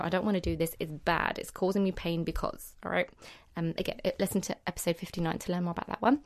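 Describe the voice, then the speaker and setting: Upbeat woman host, a teacher, bubbly and encouraging, middle pitch. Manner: bubbly, encouraging, laughs often. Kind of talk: upbeat solo podcast talk.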